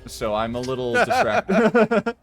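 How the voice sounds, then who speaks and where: A man's voice: high-pitched, big pitch swings, slow, over music. A man chatting casually as a player on a tabletop game stream.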